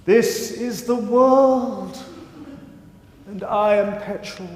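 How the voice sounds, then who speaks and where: Pompous male performance artist, high and grand, theatrical declarations, as a lecturer sends one up in a roomy hall. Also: drawn-out words. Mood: grandiose. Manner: overblown, theatrical proclamations. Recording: roomy hall reverb, faint ambience.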